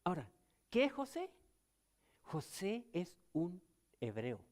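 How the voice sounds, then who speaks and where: An older man with a Chilean accent preaching a sermon as pastor, moving between loud emphatic lines and low, quiet ones. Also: wildly swooping pitch, slow.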